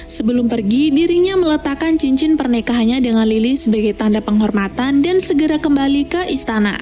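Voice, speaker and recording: Woman, scripted story recap narrator, high pitch, soft mellow timbre, background music. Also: fairly quick. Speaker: narrator of film plot recaps.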